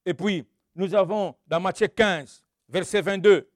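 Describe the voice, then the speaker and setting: A man preaching a sermon reads scripture, calls out hallelujah and questions his congregation, moving between loud outbursts and quiet asides. His high voice is a little slow, recorded at studio quality with no room sound.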